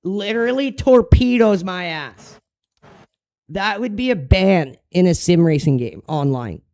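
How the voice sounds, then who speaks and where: High-pitched, creaky-voiced frat-bro gamer guy. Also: expressive, measured pace, darkish tone. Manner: frat-bro slang, swearing, exasperated ranting. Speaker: gaming streamer. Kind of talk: casual video game commentary.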